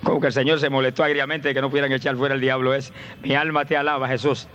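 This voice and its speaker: A man preaching a fervent sermon, swinging from low murmurs to high shouted praise. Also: little pitch movement, rapid-fire, muffled recording, a little hiss or hum.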